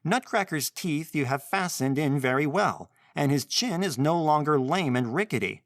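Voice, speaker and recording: A man's voice: on the high side, animated, moderate pace, no room sound, voice pushed up, lightly acted. A man putting on a cheeky young boy's voice, raised well above his own and bold. He sounds eager and teasing, read close and dry. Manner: bright and laughing.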